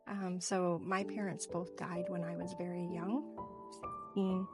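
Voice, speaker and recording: A woman's voice: on the low side, little pitch movement, a little slow, over loud music. A middle-aged woman speaking as an interview guest in a reflective, conversational style. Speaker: guest, hospice nurse.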